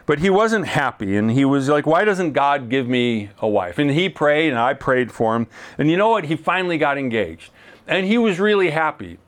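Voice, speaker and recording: A man giving a conversational sermon, casual and joking, often slowing down for emphasis. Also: on the high side, sing-song. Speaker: Bible teacher.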